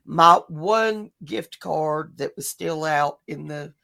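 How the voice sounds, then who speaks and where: A woman's voice: low-pitched, slow pace, gravelly, pushed and bright. A woman co-hosting a podcast in casual chat, chatty and laughing often. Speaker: podcast co-host.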